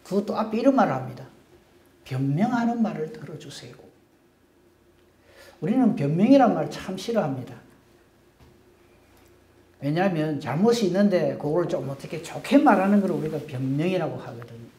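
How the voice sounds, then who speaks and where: Pastor guy preaching, high lively voice, warm mellow tone, echoey church room. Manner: animated, acts out quoted speech. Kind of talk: sermon. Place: church sanctuary.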